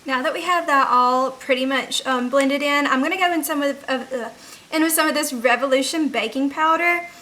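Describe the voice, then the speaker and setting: Casting: young adult woman, high-pitched and bright, for casual makeup tutorial talk. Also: normal speed. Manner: informal, frequent "like" as filler. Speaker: beauty vlogger. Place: indoors, rain audible outside.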